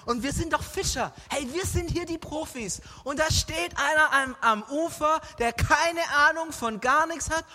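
A grumpy, fed-up grown fisherman, as a storyteller puts him on, grumbling in exasperation. His voice sits high and bright. The sound rings in a long hall reverb. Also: moderate pace, few pauses, soft background music, heavily acted. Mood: irritated. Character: grumpy frustrated adult male fisherman.

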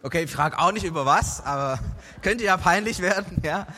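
A man telling a Bible story to a group in a lively, dramatic way, asking his listeners questions. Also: high voice, normal speed, big-room sound.

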